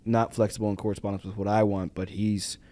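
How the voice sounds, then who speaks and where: A man's voice: fairly low pitch, flat delivery, fast, mellow. A young man in his twenties hosting a podcast, teasing his guest in a laid-back way. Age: 20s. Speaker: podcast host. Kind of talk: casual podcast chat.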